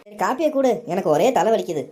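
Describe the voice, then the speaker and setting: A woman's voice: medium pitch, animated, quick pace, dark tone, natural voice. A woman voicing a young man in a cartoon, a younger brother who answers his big sister defensively. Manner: pleading, defensive.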